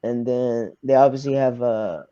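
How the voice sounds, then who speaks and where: A young man from Arkansas, a fighter answering interview questions quietly, pausing to search for words. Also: mid-range voice, fairly even intonation, smooth, dry recording, lo-fi sound. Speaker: MMA fighter, guest. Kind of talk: casual interview.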